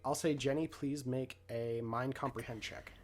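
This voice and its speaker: A man's voice: mid-range voice, fairly even intonation, moderate pace, soft background music. A man narrating an improvised tabletop game as the game master.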